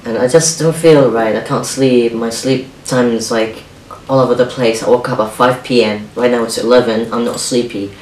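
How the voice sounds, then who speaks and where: Speaking at medium pitch with fairly even intonation, a young Arabic-speaking vlogger haltingly shares personal thoughts, his soft words broken by many restarts. The setting is a small indoor home kitchen. His camera sits on a stand a few feet from him, and the audio is distant and roomy with a slight hiss.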